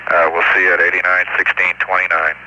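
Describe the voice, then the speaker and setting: An astronaut speaking over a crackly space-to-ground radio transmission, calm and clipped, pausing with fillers. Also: male voice, low voice. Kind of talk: mission radio communications. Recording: muffled archival radio link with hiss.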